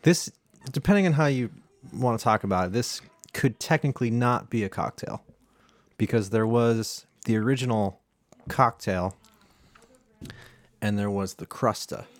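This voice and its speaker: A man's voice: fairly low pitch, normal speed, long pauses, dry recording. A man hosting a casual chat, explaining a drink recipe with plenty of fillers and restarts. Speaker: home bartender host.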